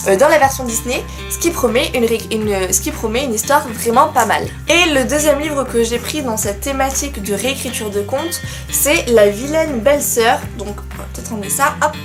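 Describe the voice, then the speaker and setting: A woman's voice: on the high side, normal speed. A young woman chatting casually to camera as a book vlogger, self-mocking and full of fillers. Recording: faint music behind.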